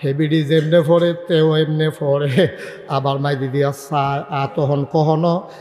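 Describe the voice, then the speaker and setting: A man preaching a humorous sermon story, sing-song and bursting into shouts. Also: fairly high pitch, level tone, a little slow. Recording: echoey hall with long reverb.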